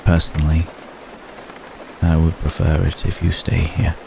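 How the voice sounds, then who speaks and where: Over the constant sound of falling rain, a man voices a heavily acted, ancient vampire gentleman, murmuring very deeply in a romantic ASMR roleplay. Formal words come out flat and measured, spaced by long soft pauses. The tone is tender and reassuring, protective yet weary of the world.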